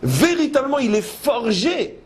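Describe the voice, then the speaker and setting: A rabbi teaching a Torah class delivers a religious lecture, commenting on scripture in an emphatic, didactic style full of rhetorical questions. His voice sits extremely high and swings widely in pitch, and he speaks unhurriedly, moving between French and quoted Hebrew verses. The live lecture recording is noisy.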